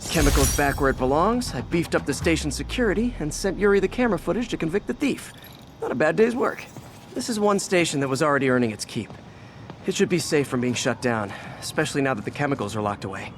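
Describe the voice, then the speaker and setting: Man playing upbeat young Spider-Man, slightly high voice. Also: expressive, quick pace, noisy background, lightly acted. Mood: pleased, musing. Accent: American. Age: young adult. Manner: chatty, earnest, wry. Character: upbeat, quippy young male superhero thinking aloud. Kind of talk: video game voice acting, self-narrating.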